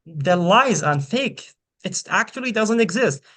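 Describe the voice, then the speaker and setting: A man from Iraq with an Iraqi accent, speaking as a panelist in an earnest, persuasive way with frequent halting restarts. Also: high-pitched, lively intonation, fairly bright tone. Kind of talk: panel discussion.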